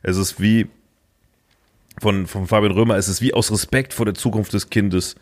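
A man co-hosting a podcast who mocks his partner with crude, quick retorts in casual banter. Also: fairly low pitch, fairly even intonation. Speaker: podcast co-host.

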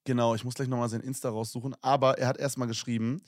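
A man's voice: mid-range voice, flat delivery, quick pace, no echo, studio quality. A young man co-hosting a casual podcast, reading listener messages aloud with slang and laughs. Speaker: podcast co-host.

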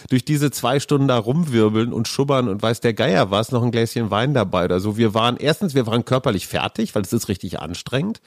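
A man's voice: medium pitch, animated, brisk, hardly any pauses, no room sound, studio quality. Jokey man hosting a podcast. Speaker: podcast host. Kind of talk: casual podcast chat.

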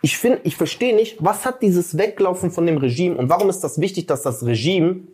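A man's voice: sits high, lively intonation, fairly quick, a little mellow. A man co-hosting a casual podcast chat, ranting heatedly and often calling the others "Bruder". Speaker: podcast co-host.

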